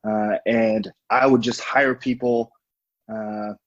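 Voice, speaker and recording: A man's voice: fairly low pitch, level tone, slow. A man in his twenties from Estonia, a marketing director, speaking thoughtfully as a podcast guest. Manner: thoughtful, hesitant with fillers and restarts. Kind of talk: casual interview. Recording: dull lo-fi audio.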